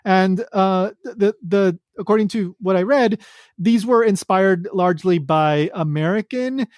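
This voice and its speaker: A man's voice: sits high, unhurried, a little mellow, no room sound, studio quality. A man hosting a podcast, talking casually and rambling with many fillers and restarts. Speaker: podcast host.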